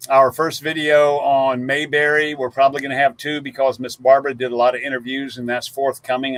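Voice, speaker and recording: Folksy man reading off guesses. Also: medium pitch. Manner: folksy, reads off viewer guesses like an auctioneer. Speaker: livestream co-host. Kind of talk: casual live stream chat.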